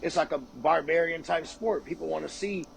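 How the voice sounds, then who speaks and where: Podcast host, man, somewhat higher register, loose sweary conversational delivery, light background noise. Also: normal speed, vocal fry, poor audio. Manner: loose, slangy, swearing street talk. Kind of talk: casual chat.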